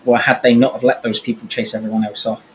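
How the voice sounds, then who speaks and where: A man's voice: mid-range voice, level tone, poor audio. Blunt man, faint noise behind. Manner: blunt, quick. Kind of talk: casual panel discussion.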